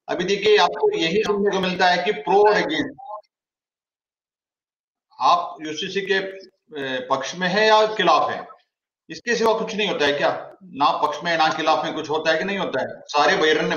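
A man with a slightly high voice argues his point as a debate guest, piling up rhetorical questions. His voice comes through a remote call with a heavy, cave-like echo. The sound is dull and lo-fi. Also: fairly bright tone, slight background noise. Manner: argumentative, full of rhetorical questions. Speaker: guest commentator. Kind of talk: online debate discussion. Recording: echoey, dull lo-fi call audio.

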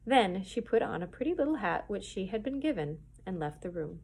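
A woman's voice: medium pitch, fairly quick, a little hiss or hum. Woman reading a chapter book aloud. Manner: clear, expressive storytelling. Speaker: children's librarian.

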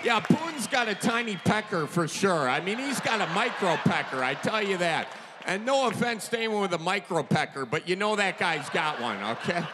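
On a big theater stage, a thirtysomething comic with a high voice and an Upper Midwestern American accent delivers lively, folksy stand-up at normal speed into a close-held handheld mic. The audience can be heard faintly in the background, and the theater sound is reverberant.

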